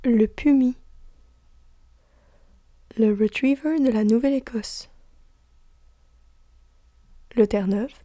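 A woman slowly reading out a long list, softly, and slipping into whispered asides. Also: a little high, no echo, studio quality. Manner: soft, slow, drops to a whisper for asides.

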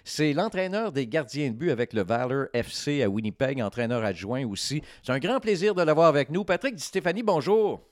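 Lively radio host. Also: male voice, on the high side, a little fast, hardly any pauses, no room sound, clean studio sound. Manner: upbeat, animated interviewer. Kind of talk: casual radio interview.

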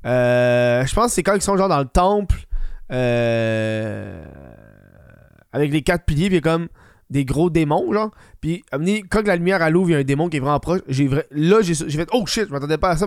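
A man's voice: fairly high pitch, clean tone, no room sound, studio quality. A man with a Quebec French accent hosting a solo podcast in casual, slangy chat, swearing freely and dropping English slang into his French.

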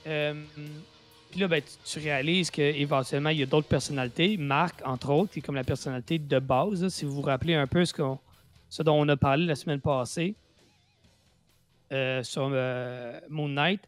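A man's voice: a little high, normal speed, soft background music. A man with a Québécois accent hosting a casual chat, rambling and repeating his words as he reviews a series. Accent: Quebec French. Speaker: podcast host.

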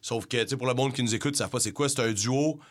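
A young Québécois man talks music in a loose, rambling way, full of slang and asides. His pitch sits in the middle and his manner is excited. It sounds like casual chat between podcast co-hosts. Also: fast talker. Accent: Québécois French. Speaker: podcast co-host.

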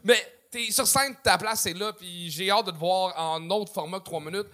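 Podcast host guy, hypes the guests, high bright voice. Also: moderate pace. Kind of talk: casual podcast chat.

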